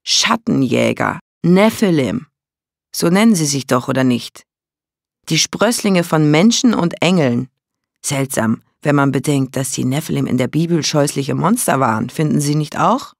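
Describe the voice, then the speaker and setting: A man voicing a gentleman schemer who asks insinuating, probing questions in a gravelly voice. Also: a little high, animated, moderate pace, dry recording, clean studio sound.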